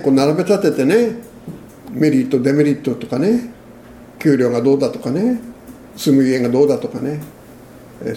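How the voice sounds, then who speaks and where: A man's voice: medium pitch, vocal fry, mellow, reverberant, a little hiss or hum. A man preaching a sermon as a pastor, in a conversational way, often ending phrases with tag questions.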